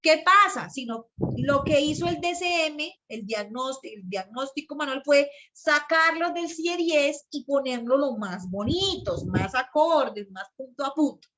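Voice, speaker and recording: A Colombian woman lecturing students online, her voice high and bright. She gets excited, repeats phrases over and over and rushes ahead as she explains. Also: muffled recording. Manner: excitable, repeats herself, talks fast. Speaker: psychology lecturer. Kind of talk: live online class.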